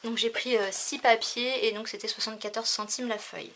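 A French crafting vlogger chats casually through a haul video, counting and showing her purchases and using many fillers. Her voice is a little high and a bit bright, steady in tone and fairly quick, with slight background noise.

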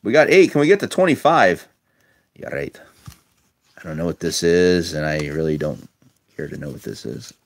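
A deep, sing-song, creaky voice at a moderate pace, pausing often, belongs to a toy collector vlogger opening a lot of old toy cars. Indoors at a table, he films them close up on a handheld phone, chatting wryly with muttered asides.

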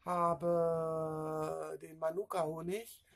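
A middle-aged woman, telling a story casually to her camera at home in an excitable, chatty way, acting out what people said. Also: deep voice, very slow, slight background noise. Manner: chatty, excitable, acts out dialogue. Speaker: vlogger. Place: at home indoors. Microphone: camera in front.

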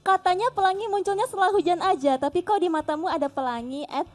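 A young woman hosting a stage chat in a very high, bright voice, giggling as she reads messages from fans. She is in a theater, and a live audience can be clearly heard behind her. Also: fast talker, a crowd in the background. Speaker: idol group member hosting stage talk.

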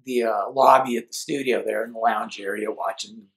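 A middle-aged man from Seattle, USA, relaxes into a storytelling interview about his early years building amps, acting out both his own quoted lines and other people's. His voice sits on the low side with some vocal fry, at a normal speed, and the audio is poor.

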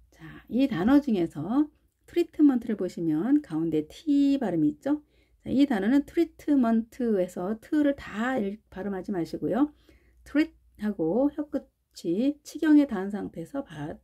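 A woman teaching an English phonics lesson, patiently explaining sounds and modeling each word slowly. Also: mid-range voice, mellow, slightly rough. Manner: patient, repeats model words slowly, often starts with "자". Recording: dull, lo-fi sound.

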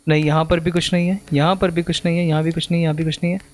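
A man's voice: fairly high pitch, level tone, very fast. A young man giving casual commentary while playing a horror game, switching between Hindi and English, jumpy and swearing. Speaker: gaming streamer.

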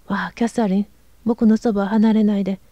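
A woman's voice: medium pitch, fairly even intonation, brisk, dark tone, dry recording, muffled recording, close to an everyday voice. A woman reading aloud, voicing a frightened, sickly teenage boy who pleads in gasping half-whispers. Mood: pleading.

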